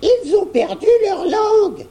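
A man putting on a shrill, exasperated old grandmother. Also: lively intonation, measured pace. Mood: polite. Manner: high, strained and sharp. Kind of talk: storybook reading.

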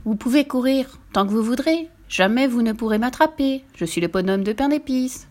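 Woman putting on a cheeky high gingerbread boy. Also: animated, normal speed, a little mellow, lightly acted. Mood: taunting. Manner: taunting, sing-song boasting.

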